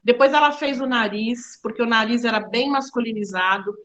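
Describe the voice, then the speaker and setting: A woman's voice: fairly high pitch, normal speed, a bit bright. A middle-aged woman giving a public lecture as a diversity official, frank and didactic, addressing the audience directly.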